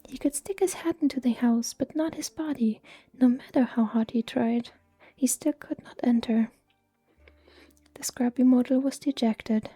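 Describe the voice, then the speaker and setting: A woman reading a story aloud in a slow, hushed, even ASMR whisper. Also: sits high, husky. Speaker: reader.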